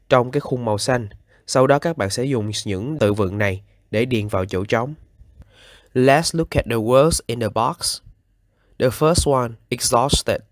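A man's voice: medium pitch, no room sound. A male English teacher with a Vietnamese accent, switching between English instructions and Vietnamese explanation as he goes through an exercise.

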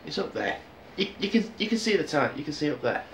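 A man's voice: fairly high pitch, big pitch swings, fast talker, fairly bright tone, a little hiss or hum, poor audio. A young man, vlogging as he walks along a street outdoors, rambling to a handheld camera. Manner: rambling, chatty, talks to the camera while walking. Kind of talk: casual walking vlog. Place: outdoors on a quiet street before dawn.

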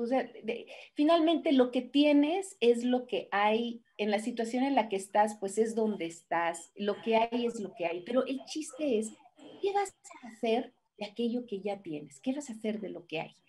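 A woman with a fairly high voice gives a motivational talk at a conference. She speaks in an animated way, throws out rhetorical questions, and acts out the excuses people make. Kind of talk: motivational lecture.

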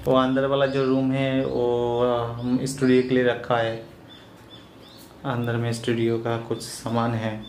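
Young man, shop owner, casual tour vlog, steady monotone, echoey small room, faint room hum. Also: mid-range voice, a little slow. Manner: plain, listing items one by one. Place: small cyber cafe shop, indoors.

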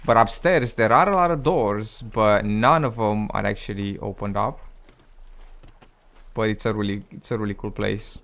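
A gaming channel host provides casual, chatty commentary over his survival gameplay, joking about his own mistakes and addressing viewers directly. His voice is fairly low and fairly bright at a moderate pace, but it sounds tired, cracking, and increasingly hoarse.

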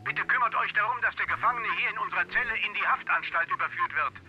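An actor playing a male police dispatcher giving brisk, official announcements over a police radio in a video game. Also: high-pitched, expressive, lo-fi sound.

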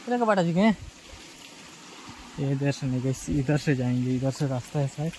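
On poor body-cam audio with a little hiss or hum, a travel vlogger from Chhattisgarh talks casually to "guys" while biking rural roads and hiking a forest trail. Though tired, he speaks at a normal speed in a warm, medium-pitched voice with lively intonation.

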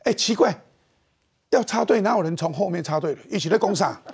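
A middle-aged man with a Taiwanese Mandarin accent, hosting a political talk show with animated, mocking commentary. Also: sits high, a little fast, gravelly, breathy edge.

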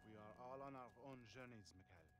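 A man's voice: mid-range voice, brisk, background noise, lightly acted. A man playing a serene yoga teacher. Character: serene male yoga instructor. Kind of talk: video game voice acting.

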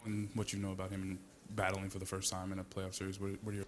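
A man's voice: deep voice, monotone, very fast, slight background noise. A male sports reporter asking multi-part questions at a press conference.

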